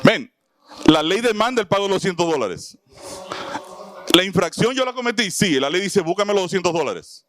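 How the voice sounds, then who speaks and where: A man's voice: high-pitched, lively intonation, normal speed, pauses often, fairly bright tone. A man teaching a Bible lesson to a small audience, asking them questions and acting out little scenes. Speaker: preacher teaching a Bible class. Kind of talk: sermon-style Bible teaching.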